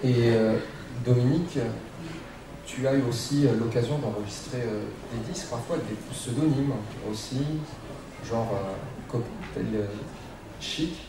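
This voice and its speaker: A man hosts a convention panel and puts questions to the singers, often restarting his sentences. His voice is captured from afar in a very echoey hall, with clear noise in the background. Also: mid-range voice, measured pace. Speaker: panel host, interviewer. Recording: echoey hall, distant mic.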